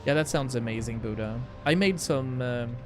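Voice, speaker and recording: A man's voice: medium pitch, moderate pace. A man livestreaming a video game, chatting casually and slangily with his viewers as he plays. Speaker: livestream gamer host. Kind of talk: casual game stream chat. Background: game music.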